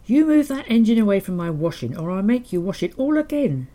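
A woman voicing a tiny but fierce-tempered mother who shouts in fury in a remembered story. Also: mid-range voice, very animated, fairly quick, pitched above the performer's own voice, lightly acted. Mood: furious. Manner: shouting angrily.

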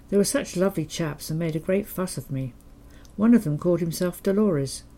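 An elderly woman reads from her memoir in a low, mellow voice. Her telling is gentle and quietly wry. She keeps an even storyteller's pace. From England. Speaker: memoir narrator. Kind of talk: reading a childhood memoir.

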